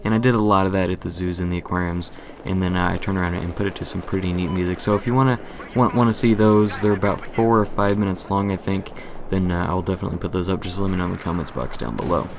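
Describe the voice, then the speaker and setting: A young gaming-channel host talks fast in a low-pitched monotone with vocal fry, barely pausing as he gives a casual channel update. He rambles, corrects himself and cracks jokes, all over a noisy background.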